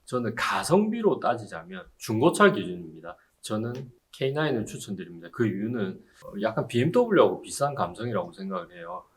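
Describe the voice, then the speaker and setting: A man in his forties speaking as a used car dealer in an interview, giving assured, explanatory advice like a salesman. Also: on the low side. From Busan, South Korea. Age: 40s. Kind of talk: informal on-camera interview giving buying advice.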